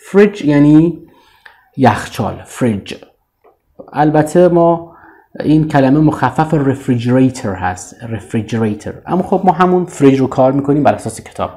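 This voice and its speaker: A man's voice: expressive, mellow. Persian-accented man teaching English words. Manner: slow, drawn-out model words, often trailing off low. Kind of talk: vocabulary lesson with repeat-after-me drills.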